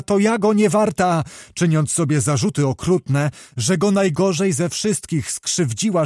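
A man's voice: a little high, no echo. Man narrating an audiobook, dry close sound. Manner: steady, measured storytelling. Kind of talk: scripted narration of a classic novel.

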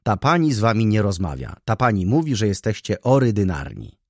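A man reading an audiobook, voicing an impulsive, lively young lady in an excited, eager manner. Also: lowish voice, brisk, no room sound, clean studio sound. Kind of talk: audiobook character voice.

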